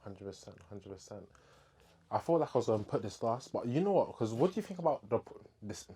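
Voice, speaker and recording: A man's voice: lowish voice, very animated, fairly quick, warm tone, slightly rough. A man hosting a podcast, asking short, laid-back questions in casual chat. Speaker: podcast host.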